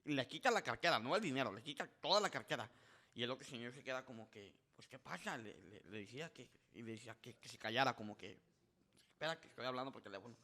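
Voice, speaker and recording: This man, a guest on a podcast, speaks quickly in a medium pitch as he casually recounts a story. Animated throughout, he performs the quoted voices of the characters and often starts sentences over.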